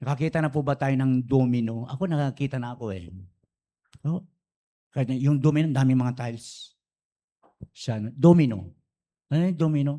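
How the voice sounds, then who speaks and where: A man's voice: medium pitch, mellow. A man preaching a sermon, telling a story and slipping between Tagalog and English phrases.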